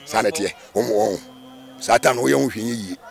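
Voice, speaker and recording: A man from Ghana, a Rastafarian being interviewed, talking in an animated, emphatic way with many repetitions. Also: lowish voice, moderate pace, vocal fry, faint music behind. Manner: animated, emphatic, with repetitions and sudden sung phrases. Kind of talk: casual interview talk.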